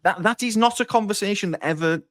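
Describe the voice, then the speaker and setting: A man's voice: high-pitched, quick pace. A man co-hosting a sports podcast in casual chat, recounting events in a wry, dry way. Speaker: podcast co-host.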